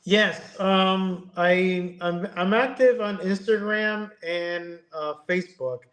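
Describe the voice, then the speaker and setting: A man in his fifties from Connecticut, a guest talking in a casual, halting way, with many ums and restarts. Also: sits high, a bit bright, reverberant, low-quality recording. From Connecticut, USA. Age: 50s. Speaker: guest, airbrush artist. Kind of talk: casual interview chat.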